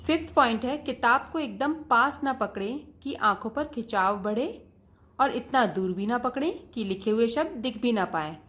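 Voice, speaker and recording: A woman's voice: fairly high pitch, lively intonation, normal speed, a bit bright. A woman teacher giving a patient lesson to children, often calling out to the students and repeating each point.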